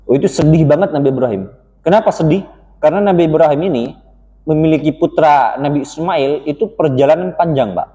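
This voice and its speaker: Male preacher, chatty sermon to the congregation, mellow tone, lo-fi capture. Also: a little high. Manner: conversational, addresses listeners as "Pak", quotes Arabic verses slowly. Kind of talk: mosque sermon. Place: mosque hall. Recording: dull lo-fi recording with long hall reverb.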